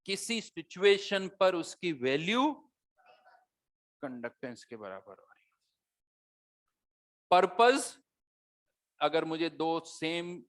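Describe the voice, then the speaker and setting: A man's voice: on the high side, big pitch swings, slow pace, pauses often, a bit bright. A man teaching a chemistry class, explaining concepts conversationally and asking his students rhetorical questions as he goes. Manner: conversational teaching, mixing Hindi with English terms, rhetorical questions. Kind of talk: classroom lecture.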